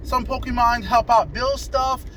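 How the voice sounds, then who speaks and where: Inside a moving car with light road noise, a man with a very high voice hosts a casual movie review. He speaks at a measured pace in a chatty manner, often turning to his companion for agreement.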